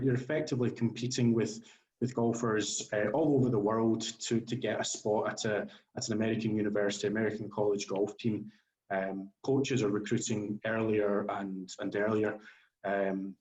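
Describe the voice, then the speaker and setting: A man with a broad Scottish accent speaks in a measured, explanatory manner as an interview guest. His voice is mellow and middling in pitch, with a clearly echoey room sound. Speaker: guest golf scholarship consultant. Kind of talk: question and answer session.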